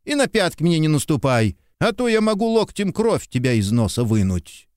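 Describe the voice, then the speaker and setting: A man giving voice to a short-tempered soldier who snaps and mocks. His pitch swings widely as he scolds. The sound is dry and close. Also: very animated, normal speed, a little mellow, no echo. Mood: scolding. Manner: curt, scolding, sarcastic. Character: gruff irritable male soldier, sharp-tongued. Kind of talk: audiobook character reading.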